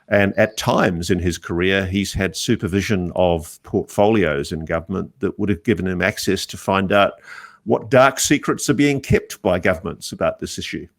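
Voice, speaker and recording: Man, very low pitch, storytelling guest, podcast interview. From Australia. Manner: storytelling, animated anecdotes. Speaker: journalist guest.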